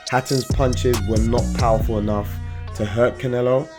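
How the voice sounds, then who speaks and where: A man's voice: mid-range voice, fairly even intonation, moderate pace. A man giving a scripted voice-over recap as a video channel host. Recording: loud music under voice-over. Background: music.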